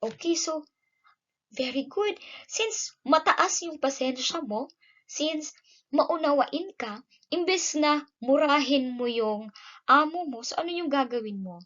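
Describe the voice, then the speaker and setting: Filipino woman teacher, raised pitch, animated classroom delivery, muffled lo-fi recording. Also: slow, pauses often. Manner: code-switching, frequent "no?" tag questions, lively emphasis. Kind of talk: classroom lesson.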